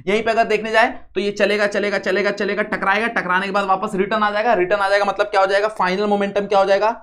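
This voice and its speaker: A young man with an Indian accent giving a physics lesson, going slowly step by step and often asking the class yes or no. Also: high-pitched, flat delivery, fairly bright tone. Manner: repeats steps, quizzes students often. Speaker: physics teacher. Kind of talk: classroom lecture.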